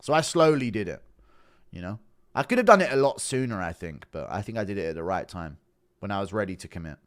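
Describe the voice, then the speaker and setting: A man's voice: on the low side, expressive, fast talker. A man hosting a casual livestream, chatting to viewers with sweary, blunt banter and often breaking into giggling laughter. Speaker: livestream host.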